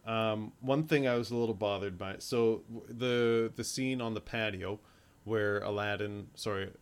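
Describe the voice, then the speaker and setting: A man's voice: fairly low pitch, fairly even intonation, normal speed, clean tone. A man co-hosting a casual podcast, laughing often and acting out lines from a film. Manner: laughs often, acts out quotes. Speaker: podcast co-host. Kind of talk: casual movie review chat.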